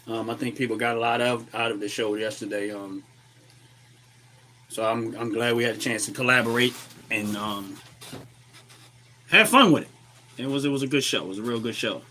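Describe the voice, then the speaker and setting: A man with an American accent hosting a casual, opinionated livestream commentary while a little under the weather, clearing his throat and repeating phrases for emphasis. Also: mid-range voice, fairly even intonation, brisk, pushed and bright. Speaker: livestream host.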